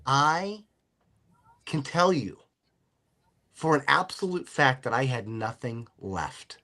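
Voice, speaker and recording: A man hosting a podcast, telling his own story in a casual, animated way. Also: medium pitch, slow pace. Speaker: podcast host. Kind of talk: casual chat.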